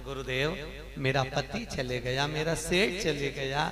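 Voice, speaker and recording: A man's voice: mid-range voice, a little slow, a crowd in the background, lightly acted. Man playing a wailing merchant's wife. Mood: mock-mournful. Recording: echoey hall with music.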